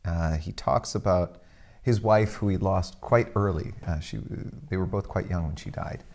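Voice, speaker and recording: A man's voice: deep voice, normal speed, gravelly, darkish tone. A man co-hosting a casual chat, wry and rambling as he tells stories. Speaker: podcast co-host.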